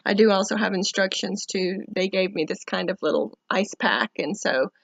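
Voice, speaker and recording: A woman giving a casual first-person update to camera in a hesitant, halting way with many pauses. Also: mid-range voice, creaky, no echo. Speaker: vlogger documenting recovery from eyelid surgery.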